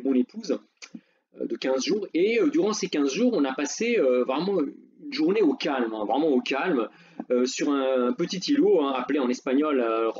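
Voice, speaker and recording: Hesitant, husky-voiced man musing aloud. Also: medium pitch, darkish tone. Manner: hesitant, many fillers and repeated words. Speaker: personal finance YouTuber. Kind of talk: casual unscripted monologue. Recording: slightly dull lo-fi sound.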